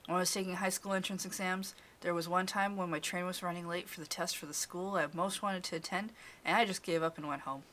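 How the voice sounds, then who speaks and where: A woman's voice: fairly low pitch, a little fast, slight background noise. A woman streamer narrating a visual novel aloud, with blunt casual asides. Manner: expressive reading, blunt asides. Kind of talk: game narration and casual commentary.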